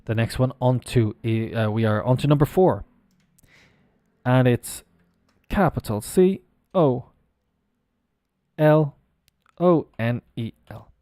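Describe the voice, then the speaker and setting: A man's voice: medium pitch, slow pace, long pauses, dark tone, no echo, clean studio sound. A man teaching English pronunciation on a live stream, spelling words out letter by letter and chatting casually as he goes.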